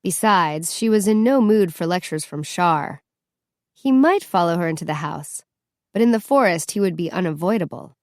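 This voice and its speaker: A woman's voice: lowish voice, expressive, normal speed, a little mellow, no room sound. Woman narrating an audiobook, dry and close. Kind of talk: scripted narration.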